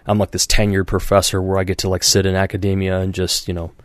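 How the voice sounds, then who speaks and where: In this casual podcast chat, the male host's fairly low voice comes out fast and completely flat as he rambles, restarts, fills gaps with "like" and "you know," and drops into quoted voices. The sound is dry and close, with no room around it.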